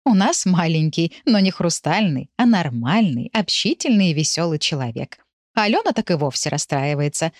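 Storybook hostess: persuasive, reassuring woman, lower pitch, voiced by a woman narrator. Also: no echo, studio quality.

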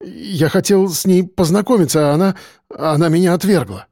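A man's voice: sits high, moderate pace, darkish tone, no echo, clean studio sound. A man doing a whiny, cowardly kidnapper. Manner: mumbling, whiny.

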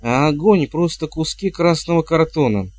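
A man's voice: fairly high pitch, expressive, normal speed, darkish tone, no room sound, pitched above the performer's own voice. A man voicing an eager, fussy young woman witch.

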